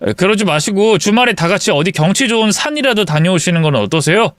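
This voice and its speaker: An apologetic son nearing forty, voiced by a man narrating a story, speaking lower than the narration and pleading softly. Smooth, clean tone in a dry, close recording. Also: animated, quick pace, no room sound. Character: timid son, nearly forty, afraid of water.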